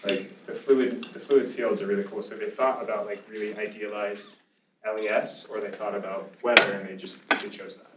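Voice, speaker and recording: After giving a talk, a male lecturer fields questions in a casual, conversational manner. His fairly low voice moves little in pitch at a moderate pace, and the recording sounds roomy, with a distant mic and faint noise.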